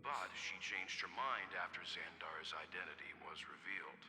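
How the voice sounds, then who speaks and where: A calm, matter-of-fact companion in a video game. His voice is very deep with a bright edge, ringing with long reverb. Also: moderate pace, soft background music. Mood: composed, explanatory. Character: composed, matter-of-fact male ally giving reports. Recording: echoey, reverberant hall.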